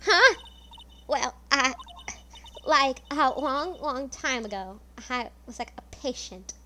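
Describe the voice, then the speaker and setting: In a heavily acted, high-pitched, bright and forceful delivery, a woman slowly voices an airy valley-girl college student who can't stop saying "like." Video game music runs behind her along with slight background noise.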